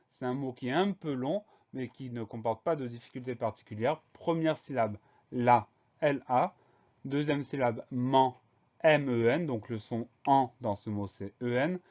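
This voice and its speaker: A man teaching a spelling lesson, calmly breaking words into syllables and spelling them out letter by letter in a clear, methodical way. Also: mid-range voice, lo-fi sound. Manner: slow, clear, methodical dictation.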